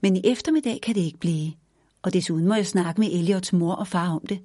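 A woman's voice: on the low side, dark tone, dry recording, studio quality, close to an everyday voice. A woman reading a patient storybook mother. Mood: soothing. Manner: patient and soothing, calling out over the wind. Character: busy, kindly mother of a young girl. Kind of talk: storybook read-aloud.

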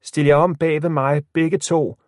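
A man's voice: a little high, fairly even intonation, a little mellow, no room sound, clean studio sound, voice pushed up, lightly acted. A man voicing a bold, reckless teenage boy in an audiobook story, with blunt, brash talk. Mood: commanding.

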